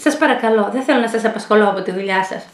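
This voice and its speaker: A woman's voice: mid-range voice, slight background noise, lightly acted. Brief: a woman reading a curt, controlling young tycoon in an echoey room, plain voice. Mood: cold. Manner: curt, clipped delivery. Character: cold, controlling young male businessman.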